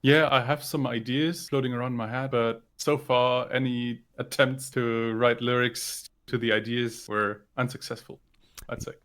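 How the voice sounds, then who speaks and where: A man's voice: mid-range voice, fairly even intonation, unhurried, a bit bright. A man whose first language is German, co-hosting a podcast and chatting thoughtfully with some hesitation. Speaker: podcast co-host. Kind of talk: casual podcast chat.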